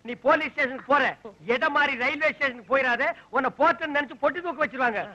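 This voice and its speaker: A show-off dandy, very high voice, very bright, boastful, sprinkles english words. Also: male voice, fast talker, dull audio. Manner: mixes English phrases, boastful teasing. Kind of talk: film comedy scene.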